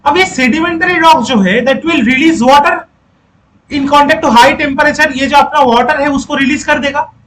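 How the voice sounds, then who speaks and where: A man's voice: very high-pitched, unhurried, fairly bright tone, slight background noise, poor audio. A male teacher giving a lecture who repeats key points, quizzes the class and coaxes students to speak up.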